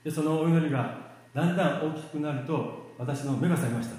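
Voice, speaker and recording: A man giving a church sermon in a relaxed, self-deprecating, joking way, with many fillers and pauses. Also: on the high side. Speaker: lay preacher. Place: church hall. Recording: very echoey hall.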